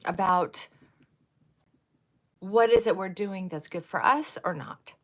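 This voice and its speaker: A woman in her sixties chatting casually on a livestream while she does her makeup, rambling from one tangent to the next and sometimes dropping to a soft murmur. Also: medium pitch, takes it slowly, slight background noise. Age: 60s. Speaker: livestream host.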